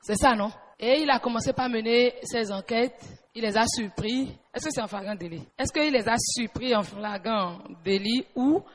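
A woman's voice: fairly high pitch, moderate pace, a little hiss or hum. A woman leading a church seminar, retelling a question and checking with the audience as she teaches. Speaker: seminar speaker answering questions.

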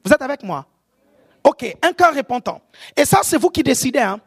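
A preacher with an African French accent gives a sermon, often shouting and checking whether the audience is following. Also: sits high, moderate pace, vocal fry, slightly rough. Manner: animated, often shouting, keeps asking the audience if they follow.

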